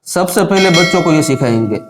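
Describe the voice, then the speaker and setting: A man teaching a children's lesson on Arabic letters, asking the same questions again and again and calling for the answers out loud. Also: fairly high pitch, expressive, fairly quick, noisy background. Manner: repeats questions, prompts pupils to answer loudly. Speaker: Quran reading teacher.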